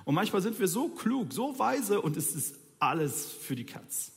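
A man with a high voice gives a relaxed, chatty sermon, talking straight to the listeners. He keeps it colloquial and teases with dry irony. The sound rings out with a long, reverberant tail. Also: unhurried, creaky, faint music behind. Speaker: preacher. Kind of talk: informal sermon.

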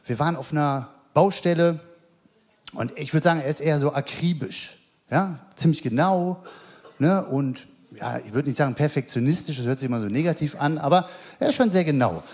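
A man's voice: fairly high pitch, brisk, a little mellow. A man with children giving a casual, anecdotal sermon, chatting loosely with lots of fillers and "right?" tag questions. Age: adult with children. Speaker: lay preacher.

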